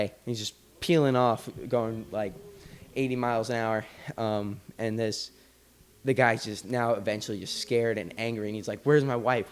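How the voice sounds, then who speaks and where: A man's voice: mid-range voice, slight background noise. A man hosting a podcast, telling a story in a loose, casual way full of "like" and restarts. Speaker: podcast host.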